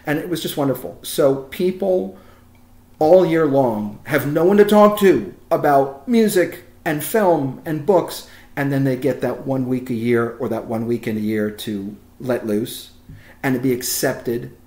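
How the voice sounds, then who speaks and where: A man speaking with warm enthusiasm, his voice climbing when he gets excited. He talks in an expansive, animated way, and the room around him has a noticeable echo. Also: mid-range voice, unhurried. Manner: animated and expansive, rising emphasis. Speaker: guest, film location tour organizer. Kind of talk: enthusiastic interview talk.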